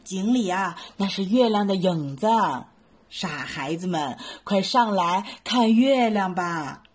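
A woman voicing an old elder monkey, fussy yet wise, in a lower, slower tone. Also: animated, husky. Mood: reassuring.

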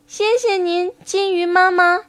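Eager little tadpoles in a storybook, calling out in very high, bright childlike voices, as a woman puts them on. They sound small, young and full of hope as they search. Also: fairly even intonation, measured pace.

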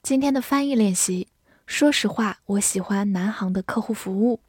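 A woman teaching English vocabulary in a clear, patient way, spelling out words and reading model sentences slowly. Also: medium pitch, darkish tone, no room sound, studio quality. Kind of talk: vocabulary lesson.

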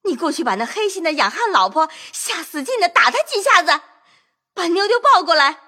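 Woman playing a weary, sharp-tongued young noblewoman. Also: very high voice, sing-song, a little fast, full character voice. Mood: angry. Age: 20s. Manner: sighing, cutting, melancholy. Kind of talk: audio drama acting.

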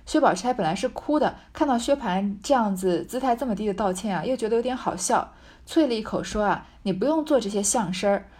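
A woman's voice: a little high, a little fast, a little mellow. Woman musing over a classic novel. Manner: musing, thinks aloud with fillers. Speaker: reader and commentator. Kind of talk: reading a classic novel aloud with commentary.

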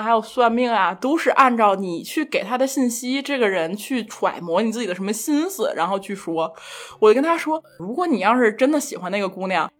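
A young woman guest telling a self-mocking love story in casual chat, animated and laughing often. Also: on the high side. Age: young adult. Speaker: podcast guest.

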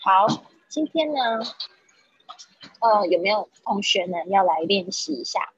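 A woman's voice: mid-range voice, animated, a little slow, breathy edge, dry recording, highs cut off. A woman teaching an online English vocabulary class, reading each word twice and explaining the sounds patiently.

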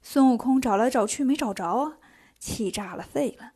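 A woman's voice: on the high side, normal speed, dark tone, husky. A woman telling a story in a chatty, colloquial way. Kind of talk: lively storybook narration.

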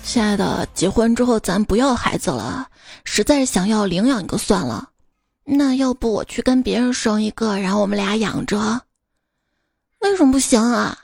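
A woman's voice: medium pitch, lively intonation, moderate pace, creaky, darkish tone, slightly rough, no room sound. A woman reading funny anecdotes aloud, playfully acting out the dialogue. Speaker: joke reader.

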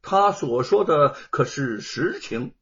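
A man voicing a magistrate who questions the parties in a flat, measured, official tone. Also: on the high side, full character voice. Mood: impassive. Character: flat-voiced male magistrate judging a case. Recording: dull lo-fi recording.

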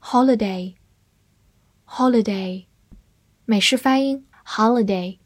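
Slow, measured woman teaching vocabulary. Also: on the high side, darkish tone, husky, no echo. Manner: spells words letter by letter and reads slowly. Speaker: English teacher. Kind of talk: scripted vocabulary lesson.

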